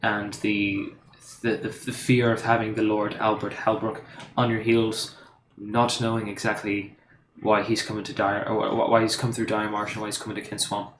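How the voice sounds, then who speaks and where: Male game master, lowish voice, hesitant rambling narration, echoey room, noisy stream. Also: level tone, moderate pace, hardly any pauses, fairly bright tone. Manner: rambling descriptions with many fillers and restarts. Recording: roomy live stream with background noise.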